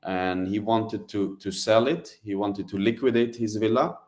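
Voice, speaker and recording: Male guest from Sweden, deep low voice, slow and measured delivery, pauses to think. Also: fairly even intonation, a little mellow. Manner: measured, hesitant, with many ums. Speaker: guest, real estate advisor. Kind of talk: casual interview.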